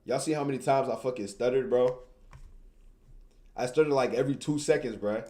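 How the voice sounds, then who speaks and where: This young streamer and video creator from Tanzania has a mellow, medium-pitched voice and a brisk delivery. On his livestream he chats informally in slang, often repeating phrases for emphasis.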